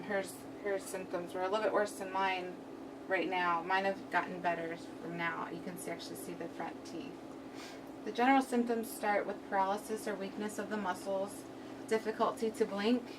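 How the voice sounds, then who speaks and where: A young adult woman giving a prepared student presentation to a class, her speech slightly numb and impaired on one side of the mouth. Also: mid-range voice. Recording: distant mic, clearly noisy room recording.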